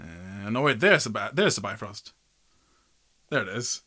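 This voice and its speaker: A man's voice: lowish voice, big pitch swings, measured pace, sharp tone, husky. A man narrating a tabletop game casually as game master, informal and joking, with sweary asides.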